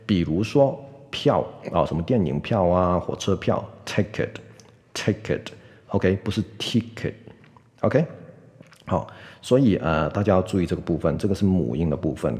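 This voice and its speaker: Man, podcast pronunciation lesson, very low voice, mellow, long reverb. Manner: patient, repeats words slowly, frequent "OK". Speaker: English pronunciation teacher.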